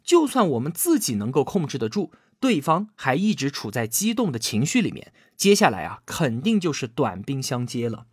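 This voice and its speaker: A man's voice: mid-range voice, huge pitch swings, slightly rough, dry recording, studio quality. A man narrating a scripted book explanation, often drawing out filler particles and acting out quoted lines. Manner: frequent drawn-out filler particles.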